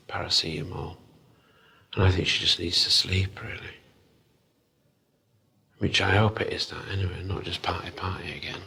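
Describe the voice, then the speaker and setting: A man's voice: low voice, creaky, pushed and bright, breathy edge. A man with a Yorkshire accent, a chatty and fussy tour guide talking to the camera. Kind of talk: casual chat to camera.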